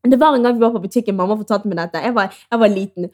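A young woman co-hosting a podcast, telling stories in lively casual chat, acting out quotes and swearing freely. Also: medium pitch. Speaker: podcast co-host.

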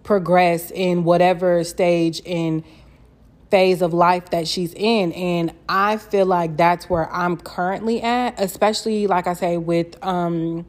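A young woman hosts a solo podcast, chatting casually in a slow, fairly even voice on the low side. She's candid and slangy, swears freely, and repeats phrases for emphasis.

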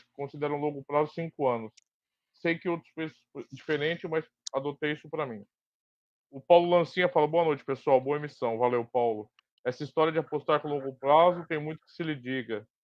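A Brazilian man speaks in a high voice with a slight lisp. He hosts a live discussion off the cuff, stressing and repeating key phrases as he works through his point. The sound is dry and a bit dull, like a lo-fi stream. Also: no room sound. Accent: Brazilian Portuguese. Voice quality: slight tongue-tied lisp. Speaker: host of a live sports betting talk stream. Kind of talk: unscripted live commentary and discussion.

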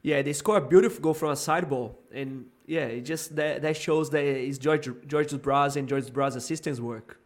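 A man, a guest coach in a casual sports chat, speaking English as a with thoughtful, halting phrasing. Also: a little high. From Brazil. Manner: thoughtful, hesitant, repeats words while searching for them.

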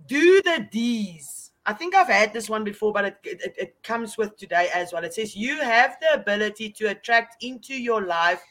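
A woman's voice: mid-range voice, animated, fairly quick, few pauses, a bit bright. A woman co-hosting a casual live show, sharing an inspirational message with enthusiasm. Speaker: co-host. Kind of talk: casual live-stream chat.

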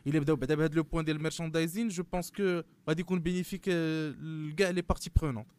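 Very fast-talking Moroccan man, clear voice. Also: on the high side, steady tone, darkish tone. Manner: switches often into French terms. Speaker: guest commentator on football club marketing. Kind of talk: panel discussion, giving analysis.

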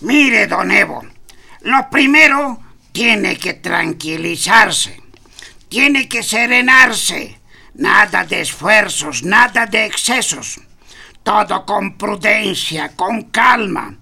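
Man doing a creaky, high-voiced stammering psychiatrist. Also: expressive, slow pace, bright, forceful tone, exaggerated voice. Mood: fussy, soothing. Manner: stammering, soothing. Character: nervous stammering male psychiatrist. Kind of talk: comedy sketch character.

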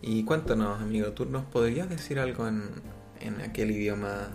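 A man's voice: fairly low pitch, moderate pace, vocal fry, a little mellow, soft background music. A young man with a Chilean accent, co-hosting a podcast, joking and teasing with slang. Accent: Chilean Spanish. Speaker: podcast co-host. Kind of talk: casual chat.

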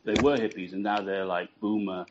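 A man's voice: sits low, fairly even intonation, a little fast, lo-fi sound, noisy background. A man with a mild northern English accent, chatting casually as a podcast guest in a rambling, self-mocking way. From born in Switzerland, raised partly in Britain and the US.

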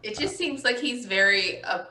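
A woman co-hosting a casual live chat show, chatty and quick to laugh. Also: on the high side, expressive, sharp tone, echoey room. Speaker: livestream co-host.

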